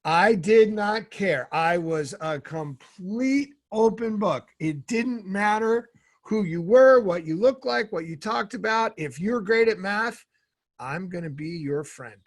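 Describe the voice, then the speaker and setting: A middle-aged man speaking as an interview guest, with a slightly raised pitch for a man. He tells his stories with energy and acts out the people in them. The recording is dry and close, with almost no room sound. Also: slow, no echo. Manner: energetic storyteller who acts out quoted dialogue. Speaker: guest, former Navy SEAL and author. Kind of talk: casual interview storytelling.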